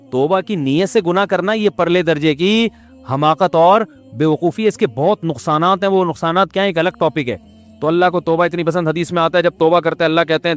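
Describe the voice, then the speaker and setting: A man delivers an animated religious lecture, his voice sitting fairly high for a man. He tells anecdotes, acts out both sides of conversations and chuckles along the way, and faint music plays underneath. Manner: lively storyteller, acts out dialogue, laughs at own jokes. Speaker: Islamic scholar giving a talk.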